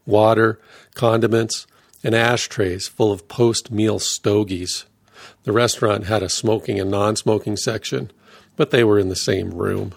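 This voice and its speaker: A man narrating his own first-person memoir in a measured, deliberate reading voice. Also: medium pitch, creaky, no room sound, clean studio sound.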